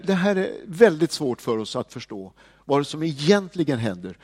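A man delivers a sermon in a fairly high voice, moving between quiet, drawn-out passages and ringing proclamations. His voice carries a long reverb, as if in a large church hall. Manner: swings from hushed to proclaiming. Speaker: preacher.

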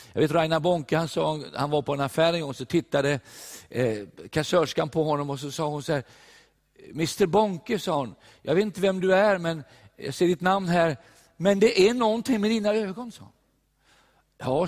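Older Swedish man preaching in a reverberant church. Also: a little high. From Sweden. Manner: animated, rising to emphatic peaks. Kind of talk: sermon.

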